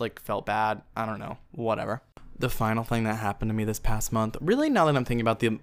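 Young male vlogger, rambling casual chatter, smooth clear voice. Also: on the low side. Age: young adult. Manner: chatty, rambling, lots of fillers like "like" and "you know what I mean". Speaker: musician vlogger. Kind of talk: casual storytime vlog.

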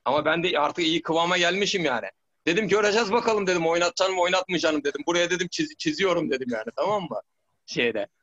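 A man's voice: fairly high pitch, quick pace, fairly bright tone, highs cut off. A middle-aged man, a former footballer, telling stories in a rambling way, with many restarts and "tamam mı?" checks. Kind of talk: casual storytelling interview.

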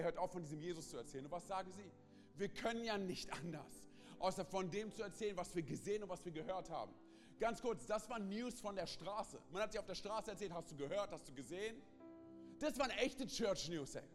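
A man with a high voice preaches an emphatic sermon, keeps breaking in with quick asides to his listeners. His voice rings with the long reverb of a large hall, and faint music plays beneath it. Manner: emphatic, with frequent "hey" and "ganz kurz" interjections. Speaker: pastor. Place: church service hall.

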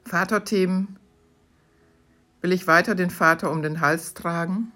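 A woman hosting her podcast, reading short questions aloud from her own book in a calm, measured way. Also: fairly low pitch. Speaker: podcast host.

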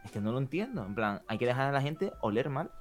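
A man's voice: medium pitch, very animated, quick pace. A man from co-hosting a casual podcast, sarcastic and teasing, stumbling and repeating words as he talks. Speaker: podcast co-host. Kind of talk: casual live-stream chat. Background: faint background music.

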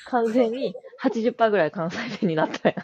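A woman's voice: fairly high pitch, animated, fast, lo-fi sound, crowd noise. A woman with a Kansai Japanese accent, co-hosting a podcast in casual, chatty talk, laughing often. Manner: chatty, laughs often, quotes others in a raised voice. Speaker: podcast co-host. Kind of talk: casual chat.

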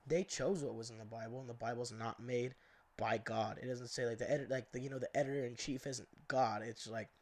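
A man's voice: medium pitch, fairly even intonation, a little fast, a little mellow. A young man co-hosting a loose podcast, his voice congested. He rambles through his points with constant fillers and casual swearing. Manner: profane, rambling, lots of fillers. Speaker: co-host.

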